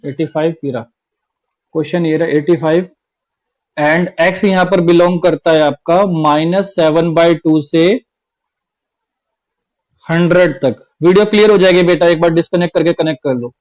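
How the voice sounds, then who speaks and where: A man's voice: on the high side, steady tone, moderate pace, pauses often, a little mellow, low-quality recording. Man teaching maths step by step. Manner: explains step by step, repeats each point, often says "theek hai". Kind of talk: online class lecture.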